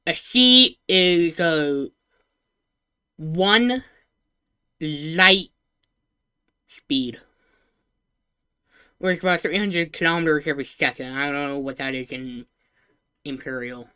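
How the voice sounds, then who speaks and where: Her voice is deep, clear and resonant, slow-paced with many pauses. She's a female VTuber doing casual live reaction commentary, excitable and cute like an anime streamer, swearing and talking through her thoughts.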